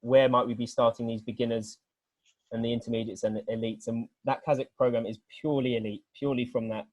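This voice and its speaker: A man's voice: mid-range voice, little pitch movement, fast talker, darkish tone, no echo, muffled recording. Earnest man explaining on a video call. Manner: earnest, rambling explanation with many restarts. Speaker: weightlifting coach, guest speaker.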